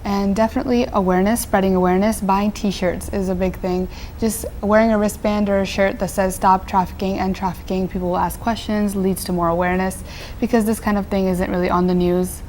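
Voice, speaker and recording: A teenage girl from Nepal who founded a nonprofit answers interview questions earnestly, often using fillers and restarting sentences. Her mid-range voice is a little mellow and a little fast, with fairly even intonation and slight background noise.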